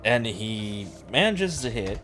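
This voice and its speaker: A man with a slightly low voice runs a tabletop game as game master, describing each shot and hit for his players. He gets audibly excited when the dice come up big. Music plays softly behind him. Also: takes it slowly. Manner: excitable, gasps at big rolls. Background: background music.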